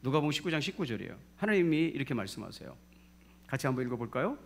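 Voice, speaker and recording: A middle-aged man with a Jeolla Korean accent preaching a sermon, calling out for amens and swinging from loud to hushed. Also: medium pitch, big pitch swings, very fast, gravelly, breathy edge. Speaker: pastor.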